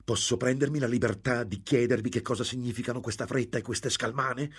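A man voicing a hot-tempered young nobleman who shouts and challenges. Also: medium pitch, steady tone, a little fast, slightly rough, voice pushed up. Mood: indignant. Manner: urgent, shouting.

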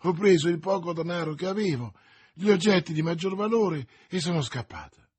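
A man's voice: sits high, brisk, darkish tone, breathy edge. A man voicing a frightened young maid. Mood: anxious. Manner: pleading, anxious. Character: frightened young maidservant woman.

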